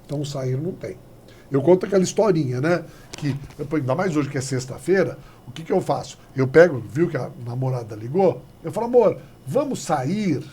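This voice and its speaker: A man's voice: fairly high pitch, brisk, a little hiss or hum. A man, teaching a classroom grammar lesson and acting out little dialogues as he explains. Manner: lively, animated, acts out little dialogues.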